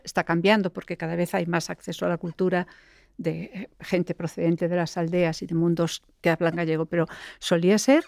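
A middle-aged woman from Galicia, a poet, speaking reflectively in an interview and pausing often with fillers and restarts. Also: on the low side, a little mellow, no echo, clean studio sound. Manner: thoughtful, pauses with fillers and restarts.

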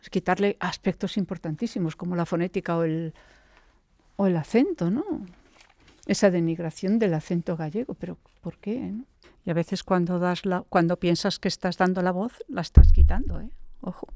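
A woman's voice: fairly low pitch, moderate pace, a little mellow, dry recording. A woman from Galicia, a poet being interviewed, talking thoughtfully and digressively with frequent tag questions. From Galicia, Spain. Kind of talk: reflective interview talk.

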